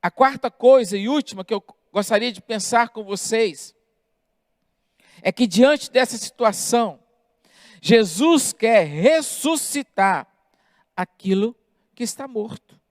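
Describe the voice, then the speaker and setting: A man preaching a sermon as a pastor, with deliberate delivery and emphatic pauses. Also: very high voice, lively intonation, dry recording, clean studio sound.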